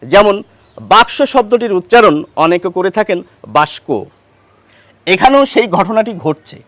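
A man gives a pronunciation lesson in a high voice that rises and falls with lively expression. He explains patiently, asking questions and answering them himself. The sound is close and dry, with no room around it. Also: normal speed, dry recording. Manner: patient, asks and answers his own questions. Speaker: Bengali pronunciation teacher.

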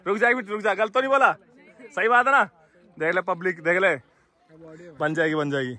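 Brisk and high-voiced, a man films a casual vlog at a hilltop fort, joking around with passersby. He eagerly calls out to strangers and keeps the chatter lively.

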